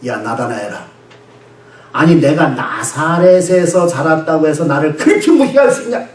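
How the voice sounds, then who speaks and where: A gentle teacher of old speaks softly and kindly, with lively shifts in tone, as a preacher voices him. The sound is roomy and comes from some way off the mic. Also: male voice, on the high side, moderate pace, natural voice. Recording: echoey church sanctuary, distant mic.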